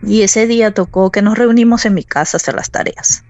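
Soft-spoken Peruvian woman on a call. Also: medium pitch, no room sound, dull audio. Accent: Peruvian Spanish. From Peru. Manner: soft, halting, with fillers and restarts. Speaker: caller telling a true story. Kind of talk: personal storytelling on a call.

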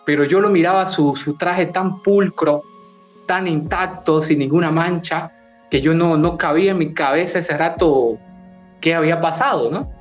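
A man's voice: a little high, normal speed, highs cut off, soft background music. A man from Bolivia, a doctor, earnestly recounting a strange personal experience in an interview, often hesitating and restarting words.

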